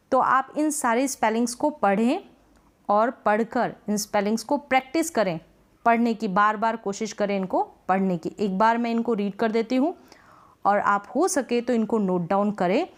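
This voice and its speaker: A woman teaching beginners to read English, patiently repeating each point and asking herself rhetorical questions. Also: on the high side. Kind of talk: explaining phonics lesson in Hindi.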